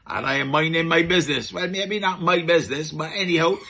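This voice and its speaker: A man's voice: a little high, fairly quick, creaky, bright, forceful tone, breathy edge. A middle-aged man with a Barbadian accent giving chatty comic commentary in a market vendor persona, full of rhetorical questions and dialect asides.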